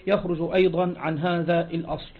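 A man teaching grammar in a lecture, asking questions and answering them himself, repeating key phrases and reading quoted text slowly. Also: fairly high pitch, little pitch movement. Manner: reads quoted text louder and slower. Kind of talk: classroom lecture explaining a text. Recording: dull lo-fi recording.

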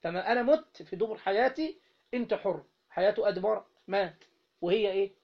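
This high-pitched, creaky-voiced man talks fast while reading and explaining a text on Islamic jurisprudence to a class. His accent is Egyptian Arabic, and he repeatedly quizzes students, getting them to complete words. The recording is dull and lo-fi.

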